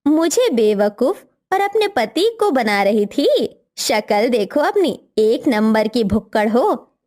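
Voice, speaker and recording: Cartoon mother-in-law, woman voicing: strict, slow, commanding. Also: fairly high pitch, sing-song, a little mellow. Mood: scolding. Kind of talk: cartoon story voice acting.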